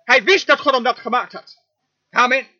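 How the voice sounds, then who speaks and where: Man, very high sharp voice, emphatic dubbed sermon interpreter, dull lo-fi audio. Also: moderate pace. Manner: emphatic preaching, frequent amens.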